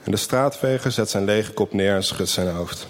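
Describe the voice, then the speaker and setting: A man with a fairly low voice reads a storybook tale gently and without hurry. His voice carries a long reverb, as if he were in a large hall. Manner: gentle, unhurried reading of a Christmas tale. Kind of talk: storybook narration with character voices.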